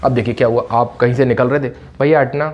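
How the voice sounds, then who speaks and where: A man's voice: mid-range voice, flat delivery, darkish tone. Chatty male English tutor. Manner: chatty, repeats words slowly for emphasis. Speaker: spoken English teacher. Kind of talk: casual classroom-style explanation. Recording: slightly dull lo-fi audio.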